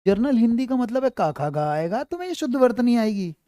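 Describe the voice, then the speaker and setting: A man's voice: very high voice, very animated, a little fast, mellow, dry recording, clean studio sound. A man teaching a grammar class to students, repeating points, often checking that they follow and calling them "beta" to reassure them. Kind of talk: online class lecture.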